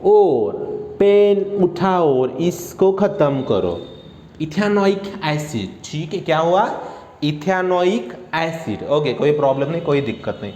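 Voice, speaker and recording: A man's voice: a little high, animated, mellow, roomy sound, a little hiss or hum. A young male chemistry teacher lecturing online, drilling and playfully scolding his students as he talks them through each step. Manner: teasing, scolding, quick drills.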